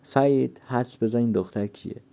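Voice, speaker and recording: A man voicing a kind, sociable middle-aged mother in a storybook, talking in a lively, friendly way. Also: medium pitch, creaky, lightly acted. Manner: warm and lively.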